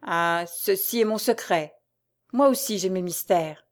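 Woman reading a mysterious gallant nobleman, cool, measured, mid-pitch voice. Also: close to an everyday voice.

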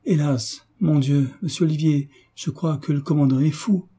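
Man reading as fussy old housekeeper lady, dark husky voice, exclaiming. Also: mid-range voice, normal speed, lightly acted. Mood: alarmed. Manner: excited, exclaiming. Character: flustered older woman housekeeper.

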